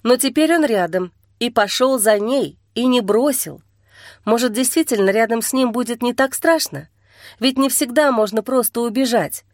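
Audiobook narrator, female, steady expressive storytelling, dead-dry studio sound. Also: a little high, moderate pace, no echo. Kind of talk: scripted narration.

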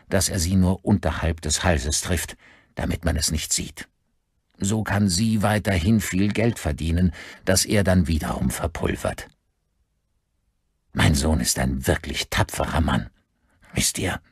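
A man voicing a cold, vengeful older man who speaks slowly and deliberately in an audiobook. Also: low-pitched, husky, dry recording, clean studio sound, heavily acted. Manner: slow, deliberate, icy.

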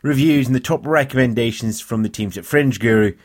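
A man's voice: medium pitch, heavy background noise. A Scottish man hosting a festival podcast, bantering with guests and reading a review roundup in a studio. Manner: animated, quick to laugh and banter. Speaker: podcast host.

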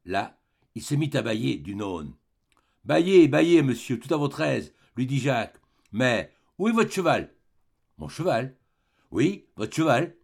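A man's voice: medium pitch, very animated, measured pace, creaky, breathy edge. A man reading a classic novel aloud as an audiobook, giving the characters different voices. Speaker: audiobook reader.

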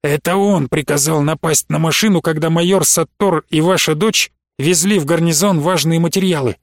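A man's voice: a little high, moderate pace, no echo, studio quality, natural voice. A man doing a grave army colonel. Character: serious male army colonel.

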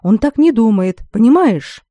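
A woman's voice: on the high side, lively intonation, unhurried, mellow, no echo, voice pushed up. A woman playing an exasperated young lord. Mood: pleading. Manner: pleading, exasperated. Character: torn young nobleman brother, head of family.

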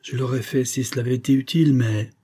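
A man's voice: medium pitch, fairly even intonation, fast talker, mellow, slightly rough, voice pushed up, natural voice. A man reading an audiobook, voicing a reserved, constrained young man. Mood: hurried. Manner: constrained, curt.

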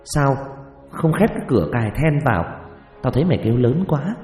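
A man doing a gruff, scolding old village mother. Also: medium pitch, lively intonation, a little fast, close to an everyday voice. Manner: soft, dismissive scolding. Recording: echoey reverb with faint music.

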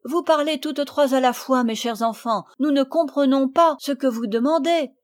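A woman reading aloud voices a patient, gently reproving noble lady in a storybook. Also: high voice, moderate pace, voice pushed up, lightly acted. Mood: gentle.

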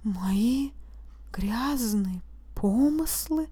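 A woman reading the part of a meek, tearful accused man who pleads slowly and sometimes drops to a whisper. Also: medium pitch, no room sound, lightly acted. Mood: bewildered. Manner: tearful, pleading and quietly insistent, slipping into a hushed whisper. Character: weepy, meek male mechanic accused of a crime.

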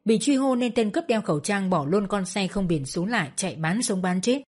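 A woman narrating an audiobook story, voicing the characters with lively dialogue. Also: medium pitch, a little fast, husky.

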